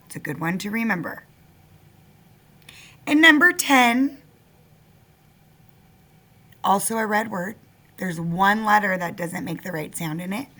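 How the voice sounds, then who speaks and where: A woman teacher dictating a first-grade spelling test, sounding words out and repeating them with simple instructions for young children. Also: lowish voice. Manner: sounds words out slowly, repeating each one.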